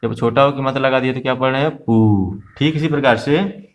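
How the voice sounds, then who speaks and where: A man teaching a class-one Hindi lesson, patiently asking questions and answering them himself, slow and repetitive. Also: mid-range voice. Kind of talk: Hindi phonics lesson for young children.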